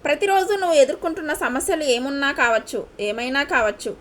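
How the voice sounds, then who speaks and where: A woman's voice: sits high, fairly quick, slight background noise. A woman from India preaching a devotional sermon, earnest and repeating her questions for emphasis.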